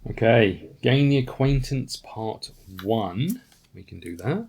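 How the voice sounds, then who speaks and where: A man's voice: mid-range voice, lively intonation, takes it slowly, gravelly, a little mellow, slight background noise. A man casually playing a solo board game, reading out rules and thinking aloud as he checks his moves. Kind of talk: casual tabletop playthrough.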